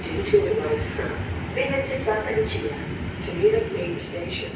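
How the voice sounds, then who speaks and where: A woman making slow, formal train station announcements over a loudspeaker on a railway platform. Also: extremely high pitch, huge pitch swings, dull audio. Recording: echoey distant loudspeaker with loud train noise.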